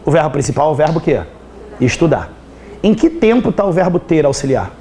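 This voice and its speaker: Chatty Brazilian teacher, slightly hoarse. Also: male voice, on the high side, big pitch swings, brisk, warm tone, slight background noise. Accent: Brazilian Portuguese. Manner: chatty, teasing, constantly checks understanding. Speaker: Portuguese teacher. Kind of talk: live online class.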